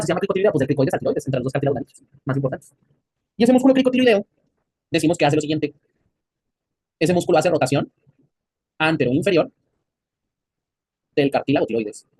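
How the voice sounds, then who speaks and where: A man's voice: a little high, a little mellow, husky, no room sound. A man with a Mexican accent teaching an anatomy class, quizzing his students and joking in crude slang. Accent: Mexican Spanish. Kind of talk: classroom lecture.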